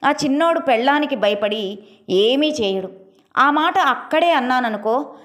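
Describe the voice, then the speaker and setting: A woman's voice: high-pitched, expressive, unhurried, a bit bright. Woman playing a sick elderly village mother, pleading and frail. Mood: earnest.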